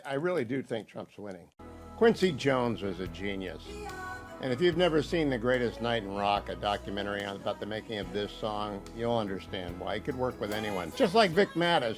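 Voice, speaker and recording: Man in his sixties, hoarse, radio host, brisk opinionated delivery, medium pitch. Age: 60s. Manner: brisk, opinionated, reads ad copy. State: hoarse with laryngitis. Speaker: radio talk show host. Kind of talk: talk radio commentary.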